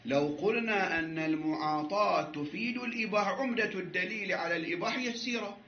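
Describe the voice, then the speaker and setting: A man's voice: high-pitched, fast, a little hiss or hum. A man teaching a seminary jurisprudence class, arguing his point and restarting phrases as he goes. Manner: argumentative, repeats and restarts, laughs at times. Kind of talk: jurisprudence class lecture with debate. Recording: echoey room, dull lo-fi sound.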